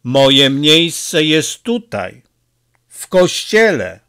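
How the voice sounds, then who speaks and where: A man doing a calm, stubborn village priest. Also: fairly high pitch, slow, heavily acted. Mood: resolute. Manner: calm, firm.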